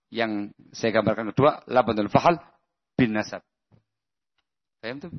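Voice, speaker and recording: A man preaching an Islamic lesson in a conversational way, often checking that listeners understand. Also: mid-range voice. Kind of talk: religious lesson with Q&A. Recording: muffled lo-fi lecture recording.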